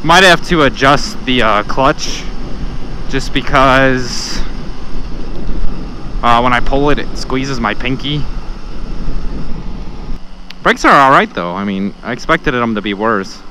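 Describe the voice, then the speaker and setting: A man's voice: mid-range voice, animated, slow, pauses often, poor audio. A man giving casual commentary from inside a motorcycle helmet while riding outdoors, as a motorcycle vlogger. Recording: loud wind and engine noise. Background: engine, wind and road noise.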